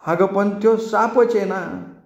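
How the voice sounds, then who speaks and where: Scared whiny little village boy, voiced by a male storyteller, rural Marathi dialect, pitched up, roomy sound. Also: steady tone, takes it slowly, creaky, a little mellow, dull audio, full character voice. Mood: pleading. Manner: pleading, whiny. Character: timid small village boy, easily frightened. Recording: roomy echo.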